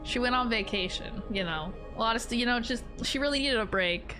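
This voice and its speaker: Casual female game streamer, rambling and jokey, slightly high voice over game music. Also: fairly quick. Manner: rambling, jokey, informal slang. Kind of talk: casual reaction commentary.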